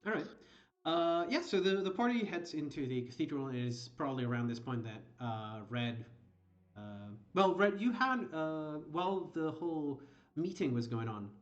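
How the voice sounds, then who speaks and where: A man running a tabletop game as game master, narrating in a halting, hesitant way. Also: on the high side, very animated, dull audio.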